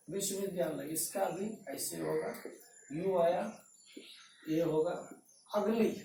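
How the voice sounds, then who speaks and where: A man's voice: high-pitched, mellow, slight background noise. Echoey, distant male tutor explaining patiently. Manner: patient, repetitive explaining with rhetorical questions. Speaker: English tutor. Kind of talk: blackboard grammar lesson. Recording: roomy echo, voice from a distance.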